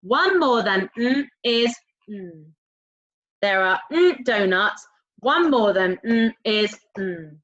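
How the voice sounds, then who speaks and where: In a recorded primary school maths lesson, a woman speaks straight to young pupils, encouraging them in a sing-song way, stretching out key words and prompting them with questions. Her voice is medium-pitched, animated and fairly bright. The audio sounds dull and lo-fi.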